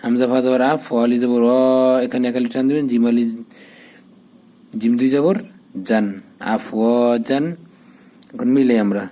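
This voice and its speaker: A man gives a patient recitation lesson, naming letters and vowel marks one at a time. His voice is mellow and dark, and he keeps an even, level delivery. He stretches out his chanting slowly. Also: medium pitch, low-quality recording. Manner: slows down for drawn-out chanted recitation. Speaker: Quran recitation teacher. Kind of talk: step-by-step recitation tutorial.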